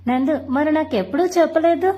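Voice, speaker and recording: A shy young bride from a storybook, sweet and bashful with her new husband, voiced by a woman. Her voice is high and bright. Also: fairly quick, lightly acted.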